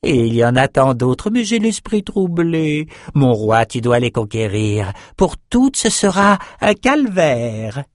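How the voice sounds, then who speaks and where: A man's voice: medium pitch, very animated, takes it slowly, hardly any pauses, no room sound, studio quality, voice pushed up. A man doing a singsong, unhinged albino shaman. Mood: visionary. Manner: singsong, chanting. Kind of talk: audiobook character voice.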